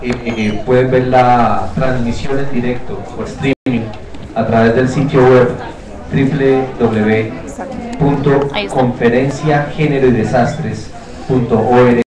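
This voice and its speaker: A man moderating a conference, making formal announcements with halting, deliberate phrasing. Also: medium pitch, steady tone. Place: conference hall. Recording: echoey hall, distant mic, crowd.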